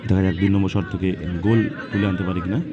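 Male football commentator, low register, short repetitive announcing phrases, live outdoors with clear crowd and background noise. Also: flat delivery, racing, dull audio. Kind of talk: live penalty shootout commentary.

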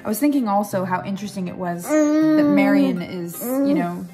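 A young woman with a mid-range, expressive voice talks about a book she's reading at a moderate pace, with loud music playing behind her. She's a book club vlogger chatting casually, rambling a bit and making self-deprecating asides. She records at home in her living room, with the tablet's built-in mic held close and low.

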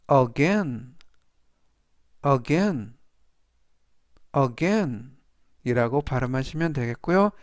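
A man teaching English vocabulary in a slow, deliberate lesson, repeating each word three times and explaining it carefully. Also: on the high side, dry recording, clean studio sound. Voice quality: smooth, clear voice.

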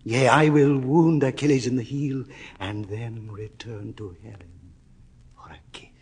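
An actor playing a desperate male scholar facing damnation, swinging from hushed, husky whispers to anguished cries. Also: medium pitch, steady tone, moderate pace, natural voice. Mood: enraptured. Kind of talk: classical stage acting. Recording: hall reverb.

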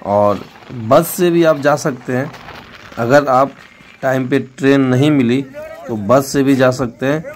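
A man's voice: medium pitch, a little slow, slight background noise. A man, a travel vlogger, narrating a voice-over with travel tips for his viewers. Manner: informative, gives tips to viewers.

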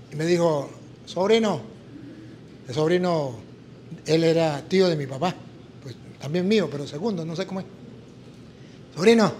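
Latin american priest preaching, high voice, acts out all the voices in his story, faint room noise. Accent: Latin American Spanish. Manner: animated, acts out dialogue in story. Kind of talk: sermon with storytelling.

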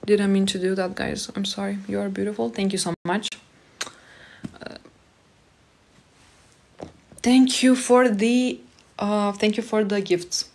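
A woman's voice: mid-range voice, flat delivery, unhurried, vocal fry, pauses often, a little mellow. Young Moldovan woman chatting on a phone stream. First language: Romanian. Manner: reads viewer comments aloud and answers them, friendly and chatty. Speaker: live streamer. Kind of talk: casual live-stream chat reading comments aloud. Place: small indoor room at home. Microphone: phone held close at arm's length.

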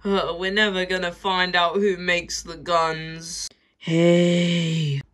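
A woman acting out every toy in a homemade toy-train story, often jumping to high, excited outbursts. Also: takes it slowly, clean tone.

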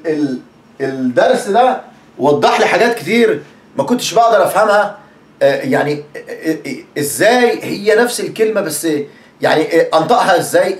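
High-pitched and recorded with a roomy sound, this voice belongs to a man from Egypt who speaks with an Egyptian Arabic accent. His casual English pronunciation lesson is chatty and repetitive, and he acts out examples as he goes.

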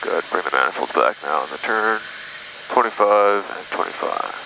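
A man flying a small plane, talking through his cockpit headset intercom in calm, clipped radio phrasing. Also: low-pitched, moderate pace, vocal fry. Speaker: private pilot. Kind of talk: flying vlog with radio calls and checklists. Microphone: aviation headset. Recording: muffled intercom with engine noise.

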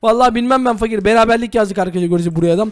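A man hosting a Minecraft role-play video, energetic and constantly addressing viewers. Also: high-pitched, rapid-fire, clear, resonant tone, no room sound. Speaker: host.

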